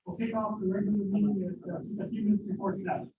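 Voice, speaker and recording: A man calling in to a meeting, his voice echoing as if he were in a cave. He speaks haltingly and repeats his checks. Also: high voice, flat delivery, noisy background. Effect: cave-like echo over a remote line. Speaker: remote caller joining the meeting. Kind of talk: casual meeting chat. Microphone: remote phone or conference line. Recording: echoey, tinny phone-line audio.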